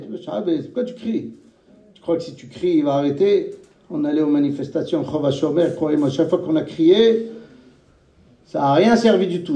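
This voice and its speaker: Man preaching with high chanted calls. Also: gravelly, warm tone, roomy sound, distant mic. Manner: sways between high chanted calls and low murmured asides; chants Hebrew and Aramaic phrases in a sing-song. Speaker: rabbi. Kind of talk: sermon.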